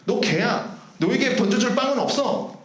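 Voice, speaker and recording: Preacher doing stern dismissive God, high lively voice, hall echo. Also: male voice, normal speed. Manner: curt, dismissive. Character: God, stern and refusing, ageless male. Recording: roomy church hall echo.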